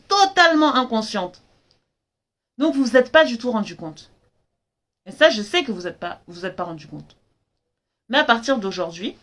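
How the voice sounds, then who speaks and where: Earnest woman coach, higher voice. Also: a bit bright. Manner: earnest, emphatic, acts out her parents' lines in dialogue. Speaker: life coach. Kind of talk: live stream talk.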